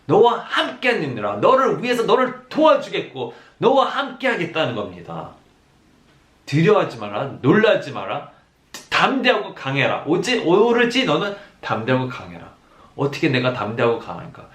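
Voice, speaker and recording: A man preaching a sermon as pastor, emphatic, repeating phrases and swinging between loud declarations and hushed asides. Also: mid-range voice, echoey room.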